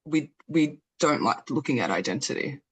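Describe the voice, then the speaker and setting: A woman therapist with a lowish voice, asking gentle, probing questions in a live therapy session. She speaks reflectively and calmly, unpacking assumptions step by step. She sounds middle-aged. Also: moderate pace, husky. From Greek background.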